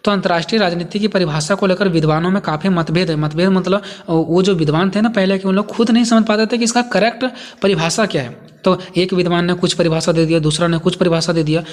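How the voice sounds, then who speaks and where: रुक-रुक कर समझाता शिक्षक, गूंजता कमरा. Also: male voice, sits high, fairly even intonation, fast, big-room sound. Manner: repetitive, asks and answers own questions. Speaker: teacher. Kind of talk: explaining lecture.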